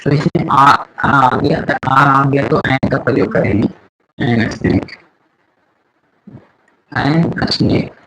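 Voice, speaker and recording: A man's voice: mid-range voice, pushed and bright, poor audio. A man teaching an English grammar lesson, repeating words and letters and asking the class questions. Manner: slow, repeats words and letters aloud, asks questions to students.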